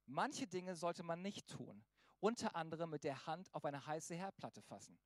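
A middle-aged male pastor delivers a sermon in a lively, animated way, slipping into voices for the people he quotes. His voice sits high for a man. The sound is close and dry, with no room around it. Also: moderate pace, no room sound.

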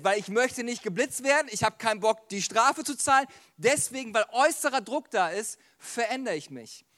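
A man preaching a sermon in a lively, conversational way, acting out quoted voices. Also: high-pitched. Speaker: pastor.

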